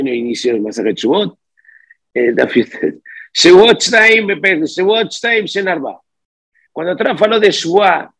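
Gravelly, husky man teaching a text. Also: a little high, a bit bright. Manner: reads phrases aloud, then explains them; mixes Portuguese words into his speech. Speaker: Talmud teacher. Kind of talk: text study lesson.

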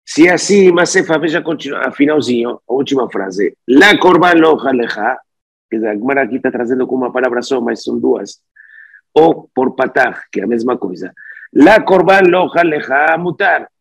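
A man's voice: mid-range voice, lively intonation, normal speed, creaky, slightly rough. A man teaching a study lesson. He reads phrases aloud, then explains them, and slips Portuguese words into his talk. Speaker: Talmud teacher.

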